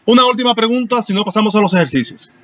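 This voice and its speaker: A man's voice: high-pitched, very fast, bright, forceful tone, muffled recording, slight background noise. A man who is a teacher, explaining grammar to students in an online class and calling on them by name. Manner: explanatory, asks students questions. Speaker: English teacher.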